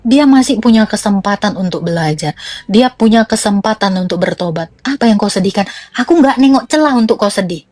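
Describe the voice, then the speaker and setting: A woman's voice: mid-range voice, lively intonation, a little fast, darkish tone, no room sound. A young woman preaching in a blunt, teasing rant that mixes slang with scripture.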